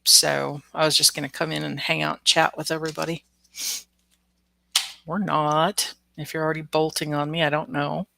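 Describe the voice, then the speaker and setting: Her deep, creaky voice comes out pushed and bright with a flat delivery and moderate pace, recorded with no room sound. She's an oracle card reader hosting a live stream, stuffed up and nasal with flu, chatty, laughing a lot and greeting viewers by name.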